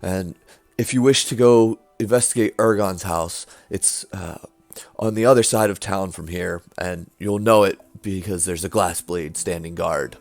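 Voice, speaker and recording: Local townsman for tabletop game, male game master, lowish, plain-spoken, hesitant, helpful. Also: dry recording, faint music behind. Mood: earnest. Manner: halting, plain.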